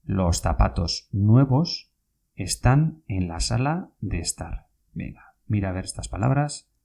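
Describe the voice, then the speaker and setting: A man teaching Basque vocabulary in a podcast lesson, speaking slowly and patiently and repeating each word. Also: lowish voice, animated, gravelly, mellow.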